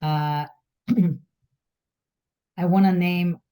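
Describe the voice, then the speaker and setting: A woman's voice: lowish voice, fairly even intonation, extremely slow, dark tone. A woman, sharing hesitantly in a group session. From Bulgaria. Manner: hesitant, many fillers, self-reflective. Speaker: workshop participant.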